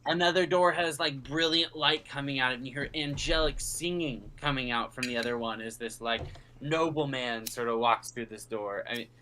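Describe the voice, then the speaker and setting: A man narrating a tabletop game as game master, with a bright, clear tone. He rambles through vivid descriptions, often pausing on fillers. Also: mid-range voice, slight background noise.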